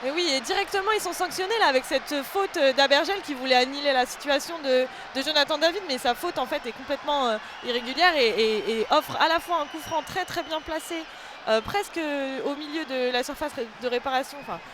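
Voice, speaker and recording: A football co-commentator giving live sports commentary and analysis in a hesitant, halting way, repeating words. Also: high voice. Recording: noisy outdoor ambience behind the voice.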